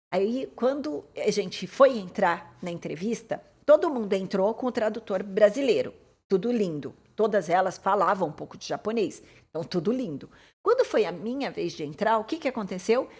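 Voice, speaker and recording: A Brazilian woman with a Brazilian Portuguese accent tells a personal story in a mid-range voice. She is a life coach, and her delivery is animated and expressive, with her pitch and loudness rising and falling as the story builds. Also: breathy edge.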